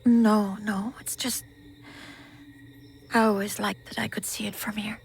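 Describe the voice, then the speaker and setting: An actress playing a gentle, protective, wistful middle-aged mother in an animated series, speaking softly and earnestly. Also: medium pitch, a little slow, vocal fry, soft background music.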